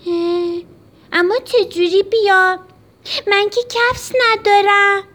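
A woman voicing a small, cheerful, helpful mirror in a children's radio story, squeaky and playful. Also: steady tone, a bit bright. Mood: friendly.

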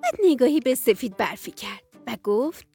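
A woman narrating a children's bedtime story in a gentle, sing-song manner. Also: on the high side, expressive, husky, no room sound, faint music behind.

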